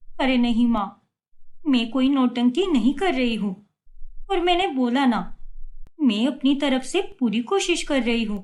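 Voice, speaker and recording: A woman voicing a timid young adult daughter who pleads and apologizes in an animated story. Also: high-pitched, a little slow. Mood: pleading.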